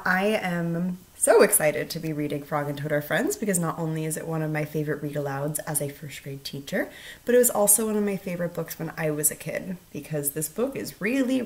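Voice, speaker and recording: Reading aloud to children as a first grade teacher, a woman with a lowish voice speaks expressively and puts questions to the listener.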